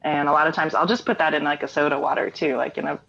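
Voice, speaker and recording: Over a lo-fi, dull-sounding online call from her home, a middle-aged American singer-songwriter and writer chats as an interview guest. Her voice sits low and is husky and fairly bright, with fairly even intonation, fast pacing and vocal fry. Her manner is easygoing and explanatory.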